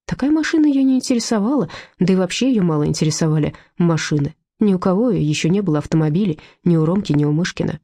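Woman reading a story out loud, husky dark voice, dry sound. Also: fairly low pitch, lively intonation, fast, few pauses, no room sound. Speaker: audiobook narrator. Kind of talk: scripted narration.

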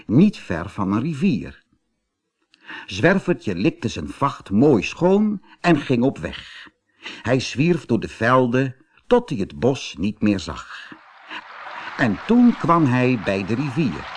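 A man narrating a children's fairy tale audiobook in a slow, expressive storytelling manner. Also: medium pitch, husky.

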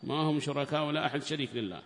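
Male religious teacher, fairly high voice, reads the commentary loud and raised, then explains quietly; long reverb. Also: very fast. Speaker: Islamic scholar teaching tafsir.

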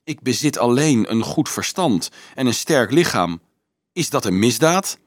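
A man's voice: mid-range voice, animated, measured pace, dry recording, clean studio sound. A man reading a defiant young hero.

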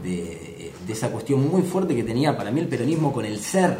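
A man's voice: medium pitch, sing-song, a little fast, warm tone, echoey room, slight background noise. Hesitant man arguing on radio. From Argentina. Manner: hesitant, many restarts while arguing a point. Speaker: radio co-host. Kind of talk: casual radio panel chat.

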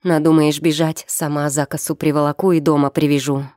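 A woman's voice: deep voice, fairly even intonation, normal speed, mellow, no room sound, studio quality, lightly acted. A woman voicing a stern middle-aged princess and mother who speaks sharply and scornfully in an audiobook. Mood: furious. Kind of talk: audiobook character reading.

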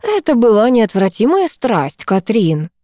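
A woman reading an audiobook, voicing a flamboyant, unruffled male photographer in a slow, high, drawn-out way. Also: big pitch swings, mellow, dry recording, studio quality. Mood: languid, teasing.

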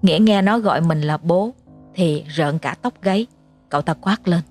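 A woman narrating a horror story in a measured storytelling manner. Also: fairly low pitch, darkish tone. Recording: faint music underneath.

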